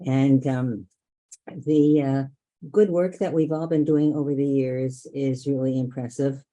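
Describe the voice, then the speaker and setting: A woman activist introducing herself, rambling with pauses and fillers. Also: very deep voice, fairly even intonation, dark tone, muffled recording. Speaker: activist guest.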